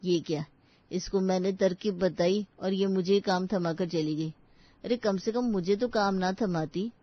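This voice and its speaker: A woman's voice: mid-range voice, fairly even intonation, a little slow, dry recording, lightly acted. A chatty, easygoing young sister-in-law who gives advice in a breezy way, as a woman acts her out. The sound is dry and close, with no room around it. The recording is dull and lo-fi. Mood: annoyed. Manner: casual, breezy advice-giving.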